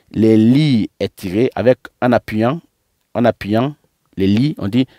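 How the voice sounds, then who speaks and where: A man's voice: lowish voice, mellow, dry recording, clean studio sound. A man teaching pronunciation, drawing out and repeating syllables one by one in a patient lesson. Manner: slow, drawn-out syllable drills, repeating words. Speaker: Quran teacher.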